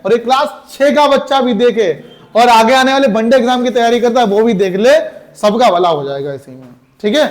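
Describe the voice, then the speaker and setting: A male teacher lecturing a class, slightly hoarse, lively, and often quizzing the students. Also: very high voice. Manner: lively, recites verse dramatically, asks class questions.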